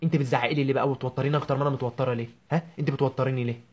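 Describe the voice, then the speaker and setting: Guy doing a husky egyptian young wife whining to her mom, talks super fast, all worked up. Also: medium pitch, steady tone, a little mellow, natural voice. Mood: upset, whiny. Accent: Egyptian Arabic. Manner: whiny, indignant, rapid rambling. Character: young newlywed woman complaining to her mother. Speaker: comedian. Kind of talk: comic phone-call sketch.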